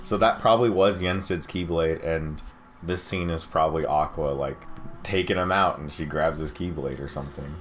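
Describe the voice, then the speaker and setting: A man's voice: a bass voice, normal speed. A young man chatting casually as he reviews a video game trailer. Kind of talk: casual chat. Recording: steady background room noise.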